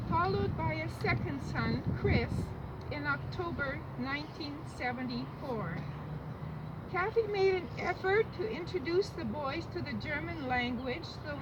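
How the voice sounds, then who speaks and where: An older woman with a high voice delivers a written funeral tribute. Her reading is formal and measured. She is picked up from a distance, with very loud noise around her. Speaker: family eulogist. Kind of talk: prepared funeral eulogy, read aloud. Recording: distant muffled mic, loud background noise.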